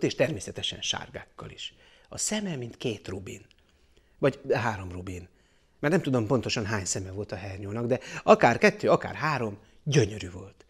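A middle-aged man reading a children's story in a playful, expressive way, lingering on words. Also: on the low side, slightly rough.

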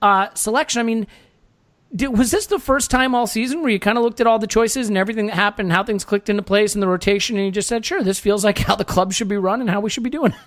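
A man hosts a football podcast with wry, wordy delivery. His voice sits high for a man, and the sound is very dry. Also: fast talker, fairly bright tone, dry recording. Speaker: podcast host. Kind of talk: football podcast talk with scripted-sounding intro.

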